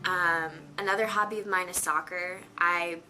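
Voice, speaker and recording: A woman's voice: lowish voice, fairly even intonation, normal speed, sharp tone, a little hiss or hum. A nineteen-year-old woman chatting casually to camera from her bedroom, rambling with lots of fillers. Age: teens. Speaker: vlogger. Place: her bedroom on a rainy day.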